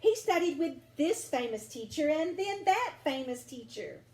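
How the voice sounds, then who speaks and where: Reading a children's picture book aloud, a woman uses a high, animated voice whose pitch climbs and dips. She draws out colorful words, phrasing them with deliberate drama, and the room adds a clear echo.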